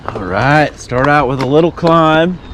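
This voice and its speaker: A man chatting casually and jokingly for an outdoor bikepacking vlog, excitable and prone to whooping. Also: fairly high pitch, measured pace. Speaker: vlogger on a bikepacking trip. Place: outdoors on a bike trip. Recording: loud wind and outdoor noise.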